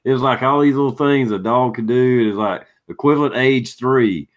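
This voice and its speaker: A man's voice: mid-range voice, a little fast. A man joining a casual group voice chat, telling stories in a dry, matter-of-fact way. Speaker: chat participant.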